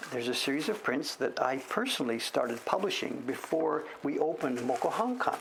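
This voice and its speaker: On a livestream, a man in his late sixties wanders through talk of his printmaking, fixing his own words and speaking of himself in the third person. His voice is a little high with vocal fry, against a noisy background.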